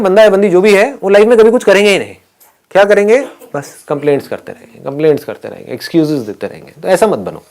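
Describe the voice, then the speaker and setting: A man's voice: on the high side, vocal fry, a little mellow. Playful man giving a motivational talk. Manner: playful, laughing, teasing the audience. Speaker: motivational speaker. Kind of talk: interactive motivational session with an audience. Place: hall with a live audience.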